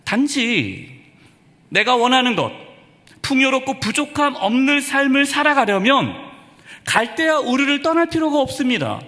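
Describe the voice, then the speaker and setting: High, lively-voiced preaching pastor. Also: male voice, normal speed. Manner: preaching with many rhetorical questions. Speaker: senior pastor. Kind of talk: Sunday sermon. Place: church sanctuary. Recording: reverberant church hall.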